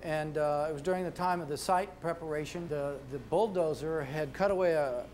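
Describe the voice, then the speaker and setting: A middle-aged American man with a fairly high voice performs a comic monologue as show host. He rambles and halts, often repeating a phrase before going on. Clear background noise sits behind him in a live indoor room. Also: normal speed, a little mellow. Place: small indoor stage with painted backdrop.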